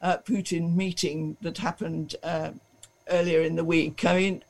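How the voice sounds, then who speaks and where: A man's voice: fairly high pitch, little pitch movement, measured pace, vocal fry, low-quality recording. A man chatting casually on radio, stumbling over words and restarting often.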